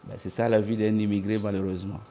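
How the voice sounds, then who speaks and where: Easygoing man with a low voice. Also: little pitch movement, fast, mellow, slight background noise. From Republic of the Congo. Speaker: musician guest. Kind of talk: interview conversation.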